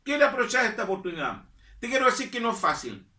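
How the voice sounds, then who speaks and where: A pastor preaching in a high, bright, ringing voice, repeating his lines for emphasis. He sits back from the microphone in an echoey church hall. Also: big pitch swings, fast talker, recorded from a distance. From Chile. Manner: emphatic preaching, repeats phrases, calls listeners "hermano". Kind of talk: sermon. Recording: echoey room, voice from off-mic.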